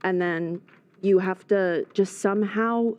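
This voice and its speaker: A man chatting casually as a guest on a podcast, heard through low-quality stream audio and giving relaxed, chatty advice. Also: slow pace, clean tone. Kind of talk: casual chat. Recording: dull lo-fi stream playback.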